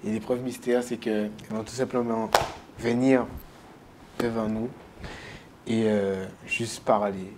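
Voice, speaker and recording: A man's voice: fairly low pitch, little pitch movement, unhurried, long pauses, noisy background. A man co-hosting a parody dating show, bantering and laughing with his friends. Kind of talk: joking casual banter.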